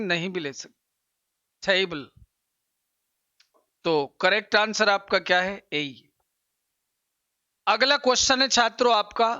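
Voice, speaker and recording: A male teacher works patiently through an exam-prep lesson. His voice is high and bright, and he speaks slowly. He repeats each pronunciation for his students, recorded dry with a slightly dull tone. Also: clear, resonant tone, no echo. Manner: slow, explanatory, repeats pronunciations, addresses students directly. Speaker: English teacher.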